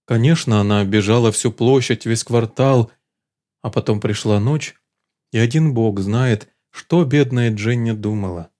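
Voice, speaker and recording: A man narrates a storybook in a steady, measured voice. His tone is mellow and warm, and his pitch sits in the middle range for a man. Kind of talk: scripted audiobook narration.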